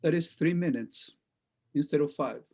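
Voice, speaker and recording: Male teacher, slightly high, mellow voice, halting feedback full of restarts, heard over a video call. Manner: halting, many restarts and "uh"s, checks in with "okay?". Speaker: teacher evaluating speeches. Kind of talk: classroom feedback.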